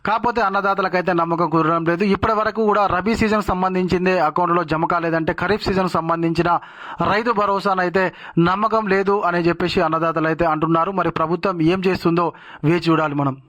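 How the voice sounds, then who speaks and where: A man hosting a news update channel, talking in a rapid, filler-heavy way with frequent restarts. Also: high-pitched, steady tone, fairly bright tone.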